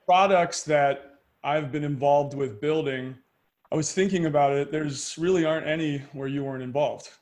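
A man's voice: on the high side, normal speed, darkish tone. A man hosting a podcast interview, reading a scripted intro and then chatting in a friendly, conversational way. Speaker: podcast host.

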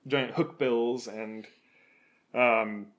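A man from Oregon co-hosting a podcast, chatting in a relaxed, rambling way with restarts. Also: mid-range voice, very slow. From Oregon, USA. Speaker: podcast co-host. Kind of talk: casual chat.

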